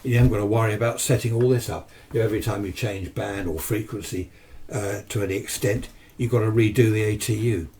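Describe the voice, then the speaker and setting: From a noisy home radio shack, picked up on a distant microphone, comes a British man's fairly low, darkish voice. He talks fast with fairly even intonation. As an amateur radio enthusiast he gives an unscripted hobby chat, casual, rambling and matter-of-fact.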